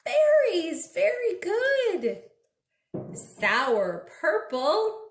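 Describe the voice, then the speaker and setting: At a children's storytime, a very animated woman reads picture books aloud, her very high-pitched voice drawing out words. She's a children's librarian, speaking expressively and prompting the small children with questions. The room sounds roomy and echoey.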